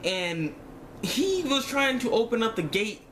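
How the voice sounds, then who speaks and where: Speaking a bit slowly in an extremely high voice with wide pitch swings and a fairly bright tone, this man reviews an episode of an animated show. It's an informal, slangy talk to viewers, heavy on repetition and acted-out reactions. The recording is low quality, with some hiss or hum.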